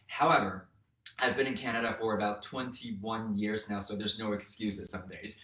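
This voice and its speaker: In a motivational vlog to camera, a Mandarin-native real estate educator in his thirties earnestly cheers on his audience, addressing them as "you guys." He speaks at a normal speed in a lowish, steady voice that's bright and forceful, with roomy echo from a far-off mic.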